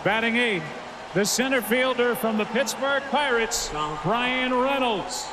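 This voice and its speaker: A man working as a stadium announcer, introducing lineups in a booming, showy arena style and drawing out names over the PA. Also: steady tone, a little slow. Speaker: stadium public address announcer. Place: large open-air stadium, over the PA. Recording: noisy stadium PA with loud ambience.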